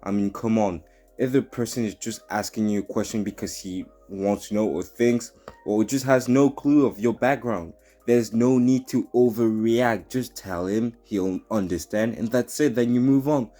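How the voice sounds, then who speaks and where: A man's voice: fairly low pitch, normal speed, warm tone, faint music behind. A young man talking to camera in an earnest, opinionated way, rambling and restarting sentences as he argues his point. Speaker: YouTuber. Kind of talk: opinion commentary vlog.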